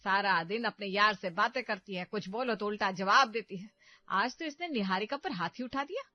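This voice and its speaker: A woman voicing a domineering, scheming middle-aged mother in a cartoon story, loud and scolding. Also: medium pitch, animated, moderate pace, dry recording, lo-fi sound, natural voice.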